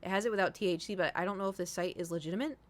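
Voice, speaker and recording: Here the thirty-something streamer talks very fast with a fairly low pitch. She rambles informally to her livestream audience, swears without restraint, and repeats things to drive them home.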